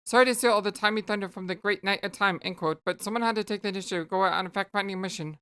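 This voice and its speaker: A woman's voice: mid-range voice, rapid-fire, fairly bright tone, clear, resonant tone, lightly acted. A woman voicing a dry, witty young know-it-all who explains things articulately. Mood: wry. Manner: articulate, wry.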